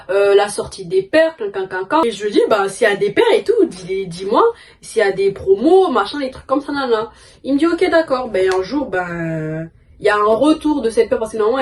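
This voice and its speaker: A young woman chatting casually in a vlog, rambling and slangy with lots of fillers. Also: mid-range voice. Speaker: vlogger. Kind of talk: casual chat.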